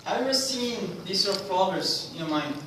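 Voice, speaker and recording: A man's voice: high-pitched, expressive, brisk, noisy background. A young man gives a prepared personal speech at a club, asking the audience questions and restarting phrases as he goes. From Pakistan. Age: 20s. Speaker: club speaker. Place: club meeting room. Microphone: distant mic. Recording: very echoey room, distant mic.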